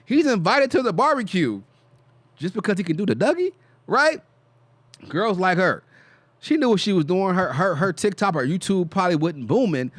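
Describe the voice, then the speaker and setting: A man co-hosting a reaction video, talking in animated slang with laughs in casual commentary. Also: high-pitched, moderate pace, no room sound.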